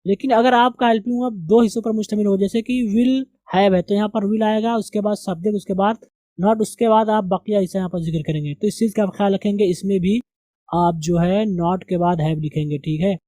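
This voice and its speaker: A man teaching English as a classroom lesson, slowly and deliberately drilling the pronunciation of words. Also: sits high, steady tone, dark tone, no room sound.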